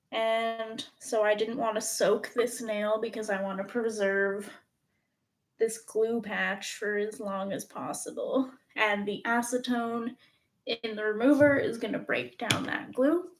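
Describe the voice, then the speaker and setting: A woman from Canada chatting casually on a live stream at home, rambling with lots of fillers, recorded on a phone's front camera. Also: fairly high pitch. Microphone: phone front-facing camera.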